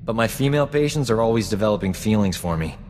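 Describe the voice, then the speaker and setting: Actor as cocky, low-voiced space doctor, reverberant. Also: male voice, animated, fast talker, a little mellow, slight background noise, close to an everyday voice. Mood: smug. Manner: smug, flirtatious, self-assured banter. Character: cocky, flirtatious male frontier doctor, smooth-talking adventurer. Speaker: video game companion character. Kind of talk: video game voice acting. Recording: long hall reverb, game music underneath.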